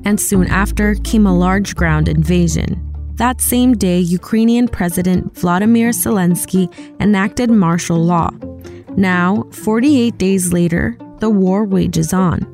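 Mellow female podcast host, scripted intro. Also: medium pitch. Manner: clear, measured read. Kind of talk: scripted narration. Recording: soft guitar music behind.

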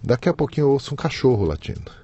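A middle-aged man with a Brazilian Portuguese accent, a podcast guest recounting a personal story haltingly, restarting and repeating words. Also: medium pitch, sing-song, warm tone, muffled recording, faint music behind.

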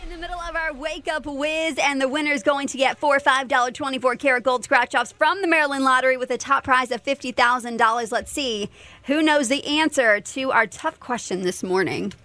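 A woman's voice: high-pitched, fairly quick, pushed and bright, no room sound. An American woman hosting a morning radio show, with upbeat local chat and contest patter.

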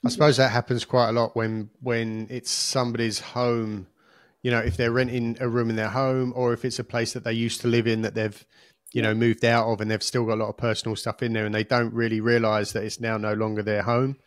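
A man with a British accent and a mid-pitched voice, chatting as a podcast host. He speaks informally, rephrasing points and summing them up in a conversational way. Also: flat delivery, fairly quick. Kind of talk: casual interview chat.

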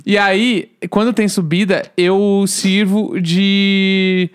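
A man's voice: high-pitched, little pitch movement, drawn-out words, clean tone. A man from co-hosting a podcast, teasing his partner as he tells the story. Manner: teasing, laid-back storyteller. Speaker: podcast co-host. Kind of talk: casual chat.

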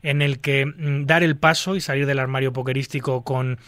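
A man's voice: medium pitch, steady tone, normal speed, fairly bright tone, no echo. Male podcast host, dry sound. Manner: agreeable, asks long winding questions. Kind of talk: podcast interview.

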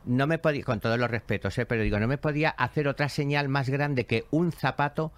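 Hombre expresivo narrando anécdotas con teatralidad. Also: male voice, medium pitch, a little fast, no echo. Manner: expressive, theatrical storyteller who acts out quoted voices. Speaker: show host, spiritual medium. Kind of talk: animated storytelling chat.

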